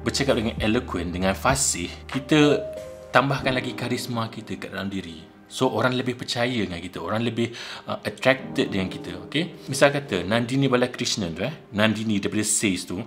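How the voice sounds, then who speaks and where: A young man from Malaysia with a Malaysian accent, talking casually to camera in his vlog, lively and mixing in English words. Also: a little fast, over music. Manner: animated, mixes English into his talk, shifts pitch for emphasis. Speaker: vlogger.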